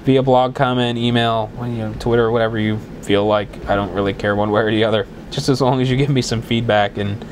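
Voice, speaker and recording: A man with a head cold hosts his own podcast, talking casually and rambling with lots of fillers and restarts. His congested voice sounds slightly worn, sits at a medium pitch with a steady tone, and moves a little fast with hardly any pauses. There's slight background noise.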